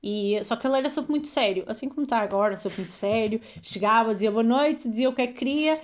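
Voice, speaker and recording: Speaking quickly in a slightly high voice, a Portuguese deaconess with a European Portuguese accent tells her story as a guest in a casual interview. She's a chatty storyteller who laughs easily.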